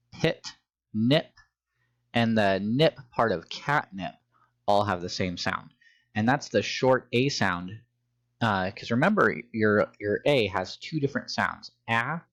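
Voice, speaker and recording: A man's voice: lowish voice, dry recording. A man teaching a phonics and reading lesson to young children, with patient, encouraging instructions.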